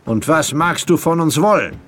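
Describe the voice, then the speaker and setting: A man's voice: fairly high pitch, expressive, moderate pace, fairly bright tone, soft background music, voice pushed up. A man voicing a boastful, commanding Elizabethan sea captain who mocks a stranger. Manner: crowing, commanding.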